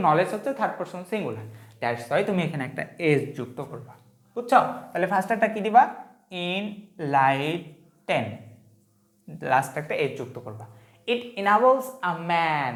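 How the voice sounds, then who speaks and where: A woman with a low voice takes the class through grammar one step at a time. She keeps putting questions to her students as she goes. Her voice rings around an echoey room. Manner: explains step by step, often asks the class questions. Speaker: English teacher. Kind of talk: exam-prep grammar lesson.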